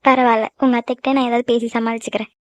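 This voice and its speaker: A woman's voice: fairly high pitch, flat delivery, rapid-fire, no echo, lightly acted. A woman voicing a young college girl in love in a cartoon, pleading and teary with her sweetheart. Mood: shy affectionate. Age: young adult. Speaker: voice actor. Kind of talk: cartoon love-story dialogue. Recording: dull lo-fi dry recording.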